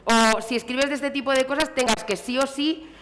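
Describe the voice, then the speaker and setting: A woman's voice: high-pitched, steady tone, moderate pace, fairly bright tone. A woman, talking animatedly on a convention panel and acting out quotes in a mocking voice. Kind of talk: casual panel talk. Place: convention hall. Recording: reverberant hall, faint noise.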